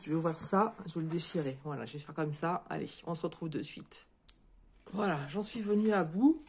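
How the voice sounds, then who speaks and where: Lady vlogging, bit hoarse, dark mellow voice, lots of euh and restarts. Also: fairly low pitch, slight background noise. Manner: hesitant, many fillers and restarts. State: slightly hoarse. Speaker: crafting video creator. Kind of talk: casual unboxing chat to viewers.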